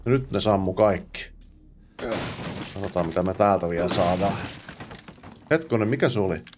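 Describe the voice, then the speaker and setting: A man's voice: low-pitched, a little mellow, slight background noise. A man hosting a let's play, chatting to himself as he plays and dropping English exclamations and curses. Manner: chatty self-talk, mutters while playing. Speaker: gamer host.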